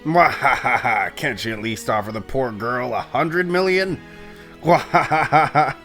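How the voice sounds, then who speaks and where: A reader voicing a gloating older man with slow, theatrical villain menace and a drawn-out chuckle. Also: mid-range voice, fairly bright tone, faint music behind, pitched below the performer's own voice, close to an everyday voice.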